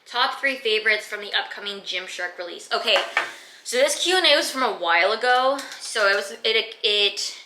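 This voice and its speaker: In her room, a Canadian fitness vlogger aged twenty-five talks through a casual Q and A packed with fillers. She sounds expressive at a moderate pace in a mid-range voice, with reverb and a noisy background.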